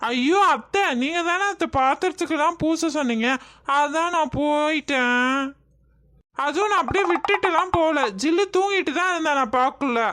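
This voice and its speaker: A woman's voice: high voice, moderate pace, a bit bright. A woman voicing a meek young daughter-in-law who pleads and defends herself. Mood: pleading.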